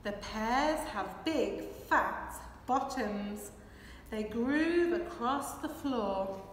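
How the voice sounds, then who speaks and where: Signing as she goes, a children's storyteller reads a picture book in a high voice, very slowly, with expressive, measured rhythm. A camera several metres off records her in a large, hard-walled hall of brick and plaster, leaving the audio very echoey with faint noise.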